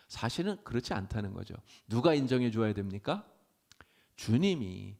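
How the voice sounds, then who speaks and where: A middle-aged male pastor delivering a sermon in earnest, rising tones, lifting his voice when quoting pleas. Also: medium pitch. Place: church sanctuary.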